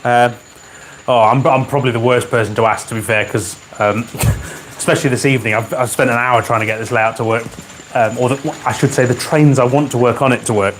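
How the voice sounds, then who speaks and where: Male livestream host, mid-pitched, chatty and dryly funny, frequent throat-clearing, faint room hiss. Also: steady tone, fairly quick, a bit bright, poor audio. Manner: chatty, reads out viewer comments with dry humor. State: keeps clearing his throat. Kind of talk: casual live chat. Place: home garage with a model railway layout. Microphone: wearing a microphone.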